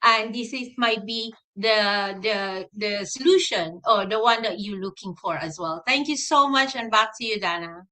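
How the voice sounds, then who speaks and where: A woman's voice: mid-range voice, measured pace, few pauses, bright, forceful tone. A woman, introducing herself on a live stream in a cheerful, friendly way. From Philippines. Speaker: nurse and online business coach.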